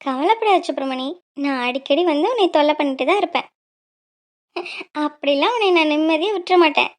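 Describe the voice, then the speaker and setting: A woman's voice: sits high, expressive, brisk. A woman voicing a cheeky, loving young bride in a cartoon. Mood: cheeky, soothing. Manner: cheeky, bubbly. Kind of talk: cartoon voice acting.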